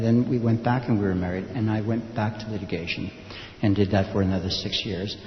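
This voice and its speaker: A man from the United States speaks at a panel event in a lowish voice. He moves quickly through his story and corrects himself along the way. The recording is dull and roomy, with a long hall echo and faint hiss. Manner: quick, loosely structured, self-correcting.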